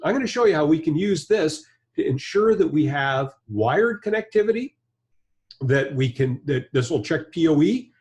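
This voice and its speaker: This trainer, an American man in his fifties, has a somewhat high, slightly mellow voice as he explains a product hands-on. He keeps it plain-spoken and conversational from an indoor studio or workshop with a backdrop and a bench.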